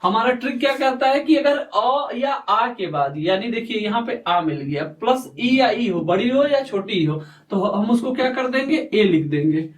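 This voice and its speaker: A man teaching a lesson, speaking slowly and repeating himself, often asking questions and answering them himself. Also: very high-pitched, expressive. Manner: slow, repetitive, quizzing himself aloud. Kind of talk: explaining a lesson at a board. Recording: echoey room, voice far from mic.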